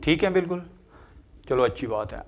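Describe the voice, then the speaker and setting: High-voiced older man teaching grammar. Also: expressive. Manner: slow, repetitive drilling of word forms. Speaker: English teacher. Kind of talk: grammar lecture.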